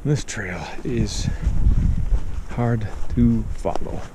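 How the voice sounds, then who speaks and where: A man's voice: medium pitch, drawn-out words. A middle-aged man narrating his hike to an action camera on a foggy mountain trail, wry and casually swearing. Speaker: hiker filming his trip. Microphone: action camera carried while hiking. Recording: dull lo-fi audio with loud wind noise.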